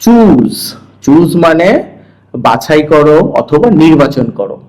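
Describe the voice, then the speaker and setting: A man teaching a primary-school English lesson, reading each English phrase and explaining it, often checking in with a quick question. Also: on the high side, sing-song, a little mellow, rough recording. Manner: reads English phrases and translates each, asking "hmm?" to check. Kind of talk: online lesson, explaining textbook exercise.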